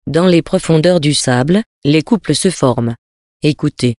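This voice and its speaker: A narrator reading a literary tale with measured, poetic phrasing. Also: medium pitch, darkish tone, dry recording, studio quality.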